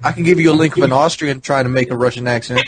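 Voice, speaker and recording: Fast-talking wisecracking man. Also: medium pitch, poor audio. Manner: wisecracking, quick asides. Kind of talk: casual podcast chat.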